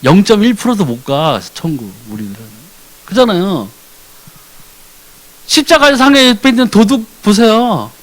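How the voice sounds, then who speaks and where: A man, a church deacon, preaching a sermon in an animated way, firing rhetorical questions at the congregation. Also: high-pitched, moderate pace, pauses often, rough recording. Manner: acts out short dialogues with changed voices.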